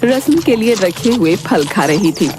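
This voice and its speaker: A woman narrating a cartoon story in a lower, calmer voice than her characters, telling it plainly and steadily. Background music plays under her narration. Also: a little slow.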